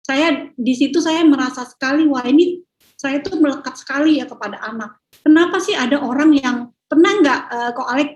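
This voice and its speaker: Chatty, high-voiced middle-aged woman sharing stories. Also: roomy sound, muffled recording. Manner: chatty, anecdotal, with frequent laughs and fillers. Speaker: speaker giving a Buddhist Dhamma talk. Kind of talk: casual personal testimony.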